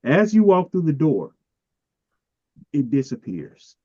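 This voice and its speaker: A man's voice: a little high, sing-song, takes it slowly, darkish tone, husky, dry recording. A man running a tabletop game as game master, describing scenes and guiding players. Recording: dry, dull-sounding.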